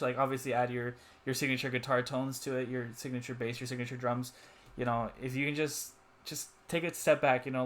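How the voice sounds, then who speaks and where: A man's voice: medium pitch, fairly bright tone. A man hosting a casual podcast chat, talking earnestly with frequent fillers. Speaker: podcast host.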